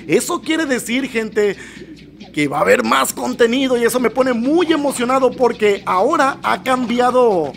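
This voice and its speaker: High, gravelly gamer man. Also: slight background noise. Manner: excitable, nervous reactions, keeps addressing viewers as "gente". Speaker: gameplay commentator. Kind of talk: excited let's-play commentary.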